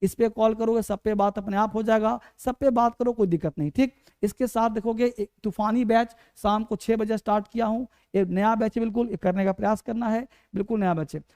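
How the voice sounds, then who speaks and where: A man's voice: high voice, steady tone, a little fast, few pauses, a little mellow. Hindi-accented man drilling English sounds. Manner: repetitive, drills pronunciation aloud. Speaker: English teacher. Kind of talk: online spoken-English class.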